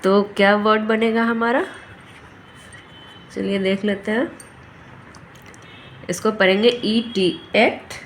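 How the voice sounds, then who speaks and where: A woman's voice: mid-range voice, fairly even intonation, takes it slowly, long pauses, slight background noise. A woman teaching a phonics lesson, sounding out letters and words one by one.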